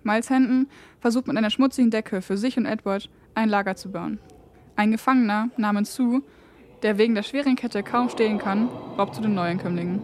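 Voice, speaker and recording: A woman's voice: mid-range voice, fairly quick, slight background noise. A woman giving scripted storytelling narration for an audio drama.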